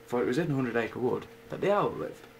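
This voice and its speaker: A man reading a bedtime story aloud at an unhurried pace, with casual asides. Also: mid-range voice, animated, vocal fry, a little hiss or hum, low-quality recording. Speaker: reader.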